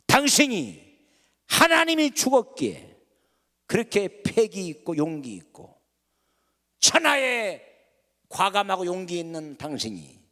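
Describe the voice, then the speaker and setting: A man's voice: high voice, bright, forceful tone, heavily acted. A man voicing a reproachful wife in mourning dress who scolds her husband with pointed questions, in a long hall reverb.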